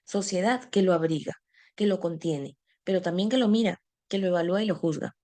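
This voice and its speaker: A woman's voice: fairly low pitch, a little fast, a little mellow. Woman lecturing with rhetorical questions. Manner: thoughtful, rhetorical questions, frequent fillers. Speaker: teacher. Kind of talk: lecture on teaching history.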